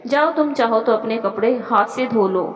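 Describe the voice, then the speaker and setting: Bossy scheming older woman, voiced by a woman, mocking, higher voice, reverb. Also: normal speed, close to an everyday voice. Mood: scolding. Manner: sharp, mocking, commanding.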